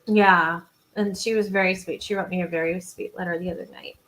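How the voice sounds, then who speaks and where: A woman's voice: lowish voice, fairly even intonation, fairly quick, fairly bright tone, rough recording. A woman co-hosting a live true-crime podcast, chatting casually and rambling with frequent laughs. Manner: rambling, giggly, self-deprecating. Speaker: podcast co-host. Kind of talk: casual live-stream chat.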